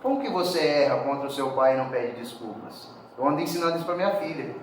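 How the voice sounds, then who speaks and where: A man delivers a sermon in a casual, conversational way, often tagging his sentences with quick questions. He stands some way from the mic in a church hall full of heavy reverb. A faint background hiss sits under his voice. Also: mid-range voice, animated. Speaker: preacher. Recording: very echoey hall, speaker far from mic.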